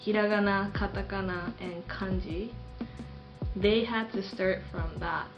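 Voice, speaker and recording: A woman's voice: medium pitch, fairly even intonation, highs cut off, music in the background. A young woman from Japan with a Japanese accent, co-hosting a casual podcast in a careful, friendly way. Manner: slow, careful, friendly, laughs often. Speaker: podcast co-host, visitor services coordinator. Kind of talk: casual chat.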